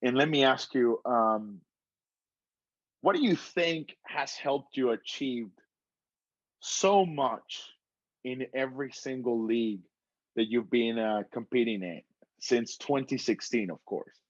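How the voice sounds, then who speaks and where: A man's voice: mid-range voice, slow, dry recording. A man hosting a casual interview, asking long, winding questions. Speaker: interviewer and show host. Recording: slightly dull, dry lo-fi sound.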